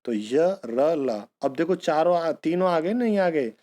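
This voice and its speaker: A man's voice: fairly high pitch, lively intonation, slow, a little mellow. A man teaching an exam-prep grammar lesson, who asks a question and then answers it himself, calling his students bhaiya and beta.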